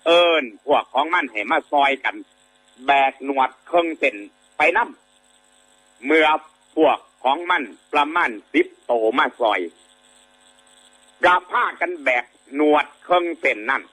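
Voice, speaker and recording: In this dharma talk, a man with an Isan Thai accent, a monk, wanders folksily through a moral fable for lay people, using many fillers and often asking if they agree. He sounds animated and a little slow, with a fairly high pitch and a sharp edge. The recording is rough.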